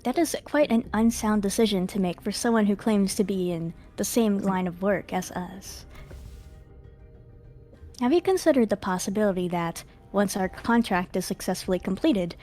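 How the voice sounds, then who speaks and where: A woman plays a composed, calculating professional in a game story. She speaks formally and with measured phrasing at a medium pitch. Faint music sits behind her. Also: dark tone, natural voice. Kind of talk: dramatic live read of game dialogue.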